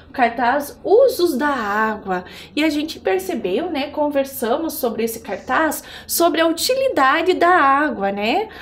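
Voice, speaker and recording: A Brazilian woman teaching a remote primary school lesson, talking to children like a cheerful kids show host and prompting them with questions. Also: high voice.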